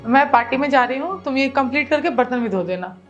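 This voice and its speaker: An actress playing a bossy young wife who gives her husband sharp orders. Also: sits high, animated, fast talker, muffled recording, faint music behind. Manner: commanding, sharp.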